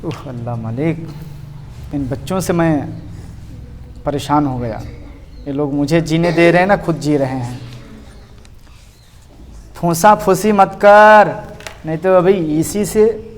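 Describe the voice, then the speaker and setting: A man's voice: on the high side, measured pace, long pauses, a little mellow, a little hiss or hum. Teasing, scolding man teaching in an echoey room. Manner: teasing, scolding, calls pupils son. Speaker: religious teacher. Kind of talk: classroom quiz and roll call. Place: classroom with children.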